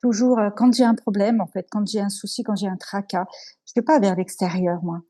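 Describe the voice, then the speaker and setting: Earnest woman giving a halting testimony. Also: mid-range voice, fairly even intonation, warm tone. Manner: halting, with many pauses and restarts; earnest, emotional. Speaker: interview guest. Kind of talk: personal testimony.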